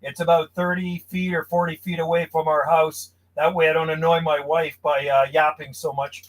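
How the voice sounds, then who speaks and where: In a small insulated radio shack outside his home, a CB operator and host chats in a relaxed, friendly manner. His voice is a little high and flat, his pace moderate, and the audio quality poor.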